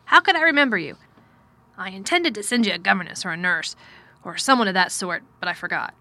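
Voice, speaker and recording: A woman's voice: mid-range voice, animated, fast, pushed and bright, no echo. A woman voicing a miserable, distracted man, a curt and fretful guardian in a storybook, speaking abruptly and emphatically.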